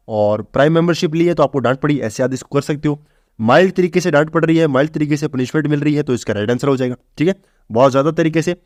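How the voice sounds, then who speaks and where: Here a man's slightly mellow voice, pitched on the high side, comes through a dry studio recording. He's giving an informal English vocabulary lesson for exam preparation, calling the students "bhai" and explaining step by step as he asks and answers his own questions.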